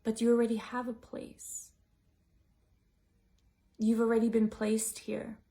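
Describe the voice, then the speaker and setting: Brief: woman breathwork teacher, mellow and gravelly, flat delivery, musing and gentle. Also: fairly high pitch, slow pace. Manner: gentle, musing, with many "like" and "you know" fillers. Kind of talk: reflective teaching talk to a group.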